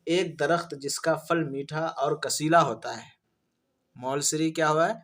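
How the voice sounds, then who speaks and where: Man teaching Urdu words, fairly high voice. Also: steady tone, fairly bright tone. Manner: asks questions and answers them himself. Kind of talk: vocabulary lesson for exam prep.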